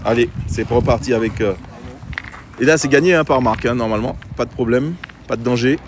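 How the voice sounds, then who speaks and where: A man's voice: medium pitch, fairly quick. A man giving chatty live commentary on a pétanque game outdoors, talking straight to his viewers. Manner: chatty, addresses viewers directly. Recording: faint street noise outdoors.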